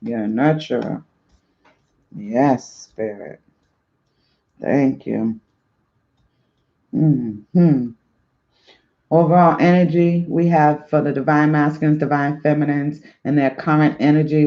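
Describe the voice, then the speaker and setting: A man giving a slow, encouraging spiritual tarot reading to his viewers, repeating affirming phrases, on a dull lo-fi recording. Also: a little high, fairly even intonation. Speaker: spiritual life coach and tarot reader.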